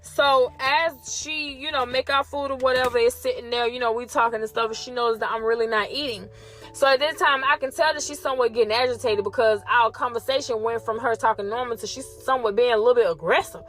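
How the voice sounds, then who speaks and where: A young woman host telling a story in a casual, animated way, swearing often and talking straight to her listeners. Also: fairly high pitch, fast talker, soft background music. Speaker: podcast host.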